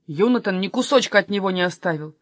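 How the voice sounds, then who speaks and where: A woman's voice: medium pitch, animated, fast, dry recording, clean studio sound, close to an everyday voice. A woman voicing a stubborn, grumbling male robber in a read-aloud storybook. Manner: grumbling, indignant.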